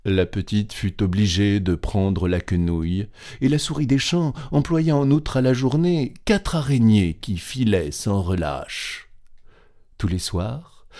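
A man narrating a children's audiobook in a calm, measured storytelling manner. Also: mid-range voice, creaky.

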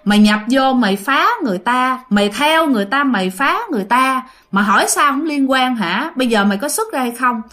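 A woman's voice: high voice, expressive, brisk, few pauses, fairly bright tone. Storytelling exorcist, read by a woman: older man, stern and commanding, Southern Vietnamese accent. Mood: scolding. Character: stern older male exorcist monk-teacher.

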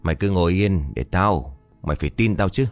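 A man's voice: low voice, fairly quick, no echo, faint music behind. A man voicing a cocky, clumsy young male driver with a brash manner.

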